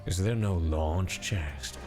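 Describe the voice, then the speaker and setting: A man with a low voice talks slowly while streaming a game, music playing in the background. He chats casually with viewers, joking around and swearing freely in relaxed livestream commentary.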